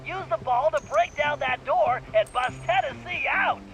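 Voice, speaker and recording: A man's voice: extremely high pitch, normal speed, a bit bright, rough recording. An actor playing a nerdy, eager male turtle planner in a game cutscene, briefing and making puns. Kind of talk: video game cutscene acting. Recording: game music underneath.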